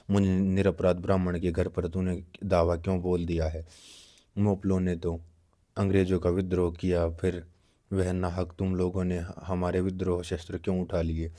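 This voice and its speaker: An aging scholar father voiced by a man pleads earnestly in a deep, mellow voice. His speech stays even and level in this storybook reading. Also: normal speed, lightly acted. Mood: defiant.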